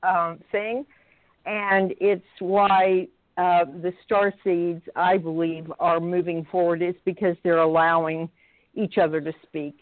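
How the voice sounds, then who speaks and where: A woman caller to a radio show, chatting warmly over the phone and musing aloud, laughing easily as she shares her thoughts. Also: on the low side, flat delivery, slow, dry recording. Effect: caller heard over a phone line. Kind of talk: casual call-in chat. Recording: dry, tinny phone line.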